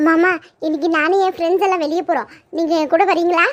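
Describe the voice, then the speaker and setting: A woman voicing a high, quick, taunting young cartoon woman. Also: steady tone. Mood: coaxing. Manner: taunting, scolding. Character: sharp-tongued young woman, bossy and jealous. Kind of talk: animated cartoon voice acting.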